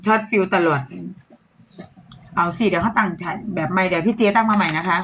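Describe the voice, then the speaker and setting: A woman's voice: medium pitch, a little fast, a bit bright, slight background noise, poor audio. A young adult woman with an Isan Thai accent, chatting playfully as a livestream seller and laughing often. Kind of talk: casual live-selling chat.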